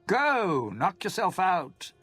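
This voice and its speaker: An actor playing a bitter, vengeful lounge singer who schemes and sneers, in video game dialogue. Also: male voice, high-pitched, big pitch swings, pushed and bright, slightly rough, no echo, faint music behind, full character voice. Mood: scheming. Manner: sneering, drawn-out, sly.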